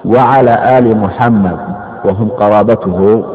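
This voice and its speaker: Male scholar teaching a religious text, measured delivery, recorded in a long-reverb hall. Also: on the low side, fairly even intonation. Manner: slow and deliberate, stretching key words. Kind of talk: slow measured religious lecture. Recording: echoey hall on a tinny phone-like line.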